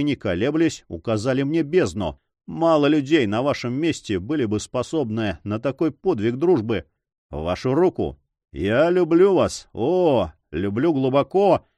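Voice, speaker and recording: A male reader voices a proud forester with a fierce sense of honor in an audiobook, lightly acting out his passionate exclamations. His darkish voice swings widely in pitch. The sound is close and dry with no echo.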